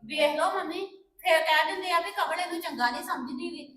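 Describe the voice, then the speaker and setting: A woman playing a younger daughter-in-law in a family drama, haughty and quick to retort. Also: very high voice, pushed and bright, echoey room. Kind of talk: scripted family drama acting.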